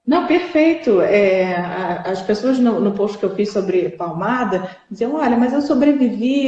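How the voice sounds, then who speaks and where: A woman's voice: medium pitch, dark tone. A woman hosting a casual live chat, talking earnestly with many fillers and restarts. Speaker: host. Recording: dull lo-fi echoey room.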